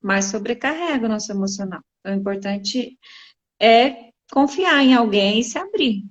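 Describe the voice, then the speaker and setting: A woman on a live talk, giving calm, reflective advice in casual conversation. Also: a little high, moderate pace, muffled recording. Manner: reflective, gently advising.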